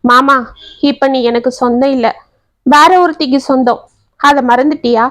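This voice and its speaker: Sad young woman choking back tears, read by a woman narrator, high voice. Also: fairly even intonation, moderate pace, no room sound. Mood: sorrowful. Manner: soft, tearful. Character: sorrowful young woman, restrained and grieving.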